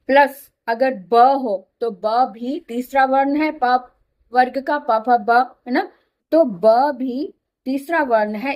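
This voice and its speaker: A woman's voice: high voice, darkish tone. A woman teaching a Hindi grammar lesson, patiently repeating letters and examples one by one. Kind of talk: slow explanatory lesson.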